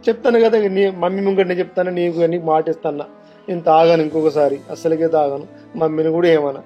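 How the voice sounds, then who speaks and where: A man's voice: on the high side, fairly even intonation, fast talker, dull audio, faint music behind, close to an everyday voice. An actor with a Telangana Telugu accent playing a remorseful father who drinks, pleading and coaxing with his daughter. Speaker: actor in a family web drama. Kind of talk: dialect family drama acting.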